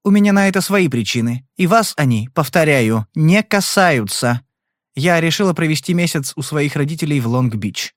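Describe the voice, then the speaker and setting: A man's voice: fairly high pitch, lively intonation, normal speed, no room sound, clean studio sound, lightly acted. A man voicing a fierce, defensive middle-aged wife in an audiobook, speaking in an insistent, protective way. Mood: defiant.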